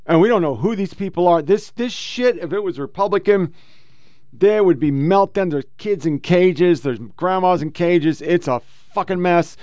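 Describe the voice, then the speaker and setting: Clear, higher-pitched blunt American man. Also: moderate pace, darkish tone, no echo, highs cut off. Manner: blunt, sweary. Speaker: host. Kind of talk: casual profane commentary.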